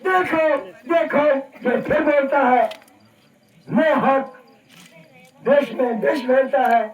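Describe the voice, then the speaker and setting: A furious, boastful warrior sage declaims threats in a very high-pitched voice on a folk theatre stage. The delivery is slow and bombastic, and the sound is echoey and muffled. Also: male voice, recorded from a distance. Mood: angry, challenging. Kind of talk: declamatory Ramleela folk stage acting in rhymed dialogue. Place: stage of a Ramleela club, distant mic.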